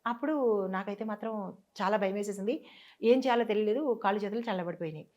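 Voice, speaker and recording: A woman guest telling a personal story in a conversation, earnest and halting, restarting and repeating herself. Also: mid-range voice, a little mellow. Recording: dull lo-fi sound.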